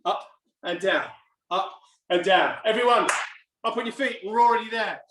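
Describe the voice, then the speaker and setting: Barking like a gym coach, a middle-aged man drives a live HIIT class from his indoor home gym with short urgent commands and countdowns, energetic and exercising the whole time. His voice sits high at normal speed, with some background noise. A camera a few steps away captures it, so it echoes and sounds distant.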